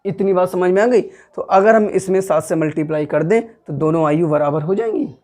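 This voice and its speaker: In this classroom lesson, a man with a Hindi accent explains maths one step at a time, asking questions and supplying the answers, repeating every step patiently. His voice sits high with a darkish tone, at a moderate pace.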